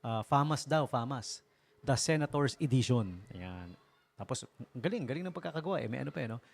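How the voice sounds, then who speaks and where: Lively radio DJ, chatty. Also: male voice, a little fast, creaky. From Philippines. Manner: chatty, laughs often, mimics politicians in a high voice. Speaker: radio DJ host. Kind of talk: casual radio chat. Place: radio studio.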